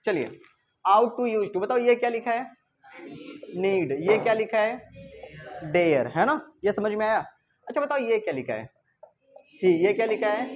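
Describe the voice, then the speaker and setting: A male teacher running a reading drill for his class, quizzing them with repeated call-and-response questions and coaxing and teasing them to answer louder. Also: sits high, noisy background. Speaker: English teacher. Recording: slightly dull lo-fi recording.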